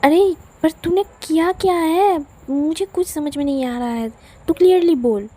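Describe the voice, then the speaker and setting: A cheeky young woman, read by a woman storyteller who ribs her friend in a light, teasing way. Her voice sits high with a soft, dark tone. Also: moderate pace, low-quality recording. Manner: teasing, playful.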